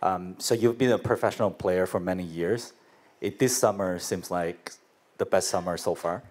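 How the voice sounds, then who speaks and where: A man asking a question at a press conference, brisk. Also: sits low, darkish tone. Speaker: reporter.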